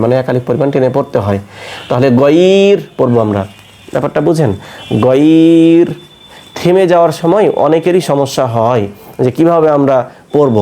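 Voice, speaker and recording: Quran tutor, male, mellow tone, poses questions and answers them himself, spells letters out slowly. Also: a little high. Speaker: Quran recitation teacher. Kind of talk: online tajweed lesson.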